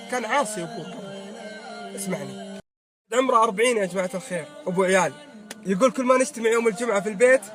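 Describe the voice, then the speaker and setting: A Saudi man giving fervent moral advice to his viewers, in a Saudi accent, swearing oaths often. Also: extremely high pitch. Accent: Saudi Arabic. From Saudi Arabia. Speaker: social media creator. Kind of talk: impassioned moral advice monologue.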